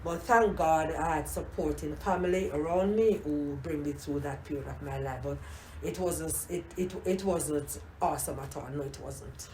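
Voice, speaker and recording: Poor audio from an echoey room, with a little hiss or hum, captures a low-voiced Jamaican grandmother speaking at a moderate pace. In a casual oral history interview she reminisces warmly in her Jamaican accent, repeating words and adding plenty of "you know"s.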